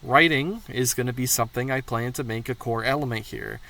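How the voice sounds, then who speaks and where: A man's voice: mid-range voice, a little fast, gravelly, bright, forceful tone. A man hosting his own channel, talking through plans in a candid, rambling monologue with frequent swearing. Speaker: channel host. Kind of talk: casual channel update monologue.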